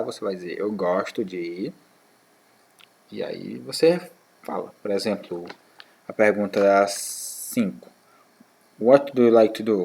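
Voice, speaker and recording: A man teaching a beginner English lesson to schoolchildren, saying model phrases slowly and repeating them, checking in with short "tá?" tags. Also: fairly low pitch, vocal fry. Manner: slow, drawn-out model phrases, repeated for practice; fillers like "tá?" and "né". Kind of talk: English lesson for sixth graders.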